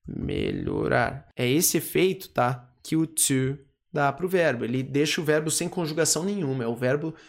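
Brazilian-accented language teacher, mid pitch, gravelly fry, patient repeat-and-check delivery. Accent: Brazilian Portuguese. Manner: patient, repeats words and checks in with frequent 'tá?' and 'ok?'. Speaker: English teacher. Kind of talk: English lesson explained in Portuguese.

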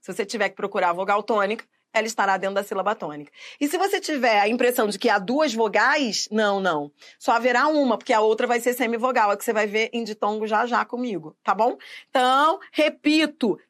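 A woman's voice: on the high side, a bit bright. A woman teaching Portuguese grammar for exam prep, stretching words out and checking in with the viewer. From Brazil. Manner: didactic, drawn-out syllables, checks in with the viewer.

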